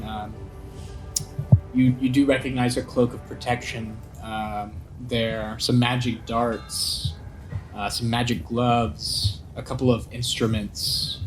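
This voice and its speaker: A man running a tabletop game as game master, describing scenes in a halting, improvised way. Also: mid-range voice, low-quality recording.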